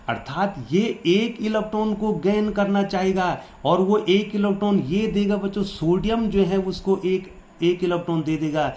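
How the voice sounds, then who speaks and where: A male science teacher with a slightly mellow voice on the high side gives a chalk-and-talk lesson to school students, coaxing them along and quizzing the class with repeated questions. The room is echoey, with faint background noise.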